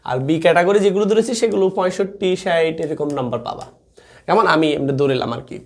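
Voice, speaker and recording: A young man teaching a live online exam-prep class in an informal, chatty way, reading out student comments and checking in with the students often. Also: high voice.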